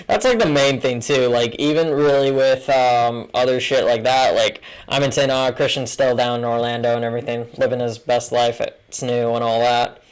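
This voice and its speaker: Twenties male co-host, casual rambling delivery, clear voice, mid pitch. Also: fairly even intonation, normal speed, rough recording. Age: 20s. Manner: rambling, heavy use of filler words. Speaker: podcast co-host. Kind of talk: casual chat.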